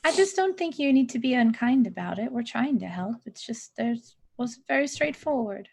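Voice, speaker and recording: A woman's voice: a little high, lively intonation, normal speed, creaky, darkish tone, slightly rough. A woman playing a tabletop game, chatting casually and describing what her character does.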